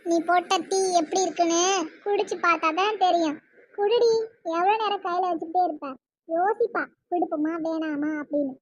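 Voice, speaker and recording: A woman's voice: very high-pitched, brisk. A woman voicing a grumpy, bossy old mother-in-law who scolds sharply, speaking with a Tirunelveli Tamil accent. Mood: scolding. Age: older.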